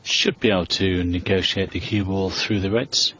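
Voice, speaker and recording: A man giving hushed, low-key snooker commentary as a broadcast commentator. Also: steady tone, normal speed, lo-fi sound. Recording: noisy broadcast with venue ambience.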